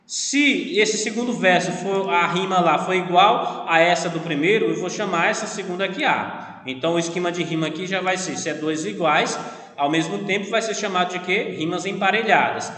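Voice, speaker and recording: A man's voice: sits high, moderate pace, sharp tone. A male literature teacher with a Brazilian accent, lecturing an online class patiently and often checking in with his students. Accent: Brazilian Portuguese. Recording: echoey room with long reverb.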